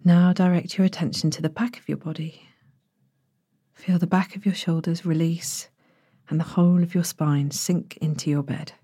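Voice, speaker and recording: Woman, sleep story narrator, very dark mellow tone, breathy and soft, gentle guided meditation delivery, close dry sound. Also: fairly low pitch, steady tone, no echo. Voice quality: soft, breathy, slips toward whisper. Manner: gentle, soothing, unhurried instructions.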